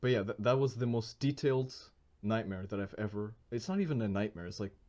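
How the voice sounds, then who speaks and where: A man's voice: on the low side, expressive, brisk, a little mellow. A man co-hosting a podcast, telling a long story in casual chat, full of fillers, restarts and bursts of laughter. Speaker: podcast co-host.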